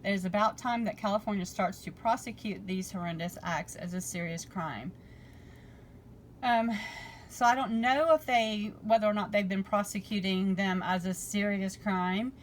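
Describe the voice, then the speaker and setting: A woman's voice: medium pitch, slight background noise, rough recording. Woman casually explaining a bill aloud. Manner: reads aloud, then paraphrases with fillers and restarts. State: losing her voice. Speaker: political commentary vlogger. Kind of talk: casual commentary reading from a bill.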